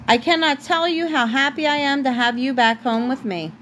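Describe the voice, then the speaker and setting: A sorrowful, worried father speaks in a bedtime story, as a woman reads his lines. The voice stays fairly high and close to the reader's own. A faint hiss is heard behind it. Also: moderate pace, a bit bright. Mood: sad. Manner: sorrowful, then relieved. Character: sad, worried old father.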